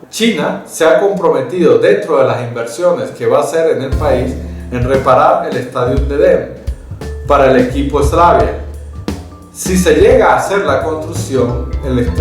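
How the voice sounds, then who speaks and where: A man presenting a weekly news summary, reading in a steady, measured way with small slips. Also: a little high, recorded from a distance. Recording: very echoey room, voice from afar, faint guitar.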